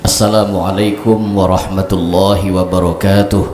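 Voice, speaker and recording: Joking preacher, echoey hall. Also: male voice, low-pitched, level tone, moderate pace, a crowd in the background. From Cirebon, Indonesia. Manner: joking, banters with the audience. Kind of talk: religious sermon at a gathering. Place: evening religious gathering. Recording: echoey hall with faint ambient noise.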